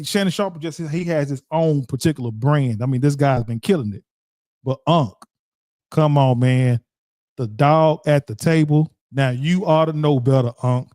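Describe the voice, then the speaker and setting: A man's voice: on the high side, darkish tone, no room sound, clean studio sound. A man hosting a radio show, rambling casually and talking straight to his listeners with lots of repeats. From Dallas-Fort Worth area, Texas. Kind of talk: casual solo commentary.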